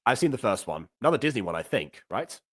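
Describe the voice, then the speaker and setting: A man reviewing in a casual reaction commentary, thinking aloud in a halting way. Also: on the low side, sing-song.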